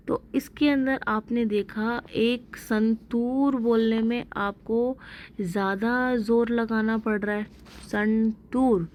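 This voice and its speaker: A woman's voice: on the high side, a little mellow, slight background noise. A woman teacher explaining a textbook lesson, mixing Hindi and English, who asks questions and then answers them herself. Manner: mixes Hindi with English words and sentences.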